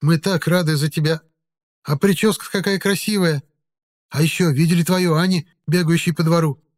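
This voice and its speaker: A man's voice: fairly high pitch, steady tone, moderate pace, voice pushed up, natural voice. A man doing a nosy gossiping middle-aged woman. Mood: gushing. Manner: nosy, chattering in a raised voice. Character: gossipy baker's wife, about fifty, shrewd.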